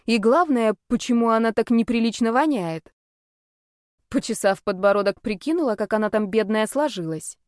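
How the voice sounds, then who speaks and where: Woman audiobook narrator, first-person fantasy, brisk, sardonic, slightly high, dry and close. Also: clean tone, dry recording.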